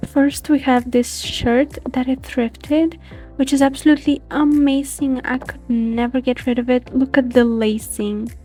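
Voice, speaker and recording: Young female vlogger, twenties, high and mellow, casual rambling self-deprecating delivery. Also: fairly even intonation, a little slow, faint music behind. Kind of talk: casual vlog chat.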